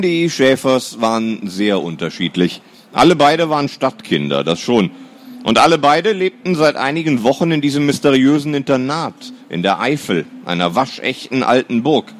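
Male children's audiobook narrator, animated storytelling, mid-pitched. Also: slight background noise. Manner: lively storytelling, swings between lifted and dropped tones.

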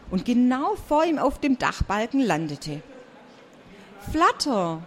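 A woman reads a children's story aloud, taking her time over every phrase. Her voice sits at a middle pitch and stays gentle and calm, in a soft storytelling way. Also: slight background noise. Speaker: storyteller reading a children's book.

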